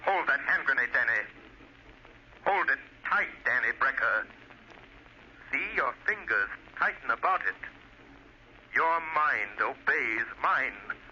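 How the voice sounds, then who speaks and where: An actor playing a commanding, resolute crime-fighting hero in a 1940s radio drama, speaking with measured, theatrical authority. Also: male voice, medium pitch, expressive, bright, forceful tone, full character voice. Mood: hypnotic, intense. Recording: dull, noisy old radio recording.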